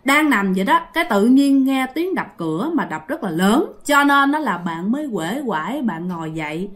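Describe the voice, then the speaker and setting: A woman's voice: on the high side, very animated, moderate pace. A woman telling a ghost story in a chatty style, addressing listeners directly. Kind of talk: casual ghost story narration.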